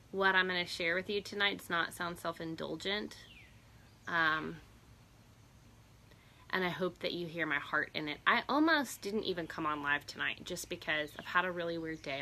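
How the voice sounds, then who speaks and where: A woman's voice: on the low side, normal speed, pushed and bright. A woman hosting a casual live stream outdoors on a porch, chatty, greeting viewers by name and laughing often.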